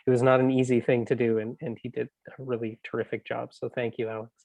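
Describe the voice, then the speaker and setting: A man, an author thanking people at his book launch over a video call, soft-spoken and halting. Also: mid-range voice, level tone, gravelly, dry recording, rough recording. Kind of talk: casual thank-you speech.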